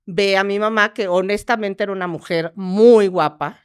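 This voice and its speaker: A woman with a Mexican accent, a podcast guest telling a family story in a lively way and acting out the people she quotes. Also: mid-range voice, moderate pace, clear, resonant tone. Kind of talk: casual storytelling in a podcast interview.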